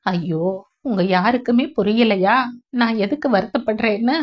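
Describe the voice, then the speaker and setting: A woman's voice: on the high side, a little slow, muffled recording. Lady reading as an upset middle-aged guy, pleading and teary, audiobook dialogue. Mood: grieving. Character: distressed middle-aged man, emotional.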